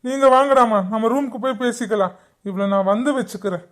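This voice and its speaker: A woman's voice: fairly high pitch, fairly quick, lightly acted. A woman voicing a protective cartoon father who scolds his wife and comforts his daughters. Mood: coaxing. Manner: indignant, then soothing. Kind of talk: cartoon voice acting.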